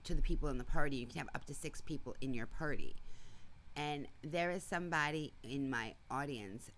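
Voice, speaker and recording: A woman hosts a casual morning livestream, chatting and rambling with live viewers by name even though she is losing her voice. Her voice sits low with a fairly bright tone, and there's slight background noise.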